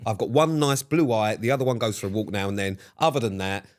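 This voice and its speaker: A man co-hosting a podcast in casual chat. His voice is lowish. He is dry and self-mocking, and he swears freely. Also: lively intonation, quick pace. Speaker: podcast co-host.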